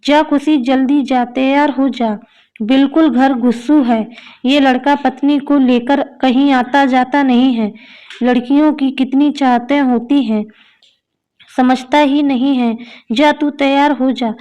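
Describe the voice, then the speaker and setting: Sweet fussy old mother-in-law voiced by a woman storyteller, high voice, slow and coaxing. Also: fairly even intonation, dark tone, muffled recording. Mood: affectionate. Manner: affectionate, coaxing. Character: kindly older mother-in-law, doting and insistent.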